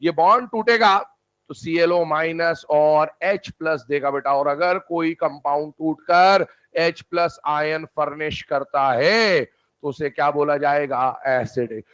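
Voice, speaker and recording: A man teaching a chemistry lesson in a lively lecturing manner, putting questions to students and answering them himself. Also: fairly high pitch, slow, clean tone, muffled recording. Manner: animated, calls students "beta", answers his own questions. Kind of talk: classroom lecture.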